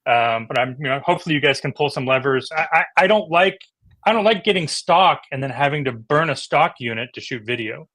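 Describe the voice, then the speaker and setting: Middle-aged male host, excitable and halting, mid pitch, dry recording. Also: no room sound. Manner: enthusiastic, halting with many restarts. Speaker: host of a DJ livestream. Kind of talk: casual livestream chat.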